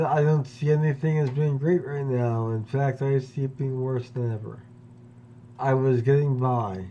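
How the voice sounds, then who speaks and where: A man in his fifties delivers a personal monologue, pausing often and weighing each phrase. His voice is mellow and dark, and he speaks slowly. The recording is dull and lo-fi, with a faint hum underneath. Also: mid-range voice. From Pennsylvania, US. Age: 50s. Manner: slow, deliberate, with long pauses. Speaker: vlogger.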